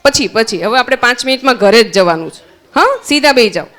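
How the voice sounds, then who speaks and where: A woman's voice: fairly high pitch, expressive, quick pace, fairly bright tone. A woman with a Gujarati accent, teaching young children at a summer camp, asking them questions and answering them herself. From Gujarat, India.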